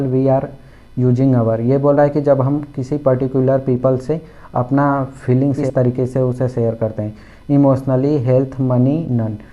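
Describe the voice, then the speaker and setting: A man with a deep, mellow, very dark tone works through multiple-choice questions like a teacher. He reads each English question slowly, then explains the answer step by step. The recording sounds dull and lo-fi. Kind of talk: exam question walkthrough.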